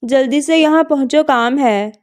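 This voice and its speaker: A woman's voice: sits high, moderate pace, darkish tone, natural voice. A woman reading a novel aloud, voicing a bossy, demanding woman doctor. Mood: commanding. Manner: commanding. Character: commanding booming woman doctor.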